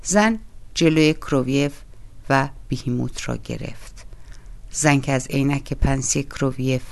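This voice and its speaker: A woman reading a novel aloud as narrator, in a calm, measured storytelling voice. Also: extremely low pitch. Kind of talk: audiobook reading.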